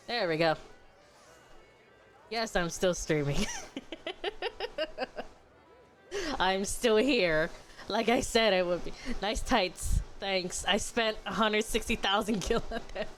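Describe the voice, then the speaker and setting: A woman's voice: medium pitch, slow, pauses often, soft background music. A woman streamer chatting casually while gaming, ranting with lots of swearing and frequent laughter. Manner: foul-mouthed, ranting, laughs often.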